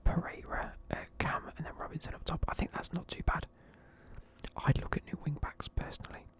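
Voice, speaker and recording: A young man in a casual video, whispering sleepily as he reviews football teams and swears offhandedly. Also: fairly quick. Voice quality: whispering throughout. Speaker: video creator.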